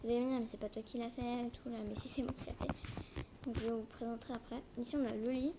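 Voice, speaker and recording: Young female amateur gameplay presenter, highish voice, speech affected by braces, hesitant casual delivery, clearly noisy home recording. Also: steady tone, quick pace. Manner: talks with braces, slightly impeded articulation. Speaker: amateur video creator. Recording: noisy homemade recording with clicks.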